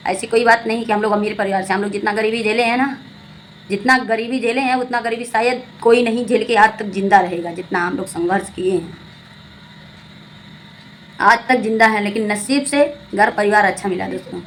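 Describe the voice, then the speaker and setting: A woman's voice: medium pitch, brisk, a little hiss or hum, low-quality recording. A young adult woman, giving preachy, scolding commentary to her viewers and repeating her points. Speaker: vlogger commenting on a family channel. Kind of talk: casual spoken commentary to viewers.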